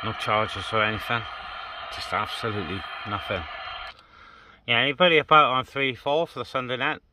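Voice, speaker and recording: Out on windy open moorland next to a car, a man vlogs about CB radio, speaking casually and colloquially into a handheld camera or phone run by an operator. His mid-range voice is a little fast with fairly even intonation, and vehicle and ambient noise make the recording noisy.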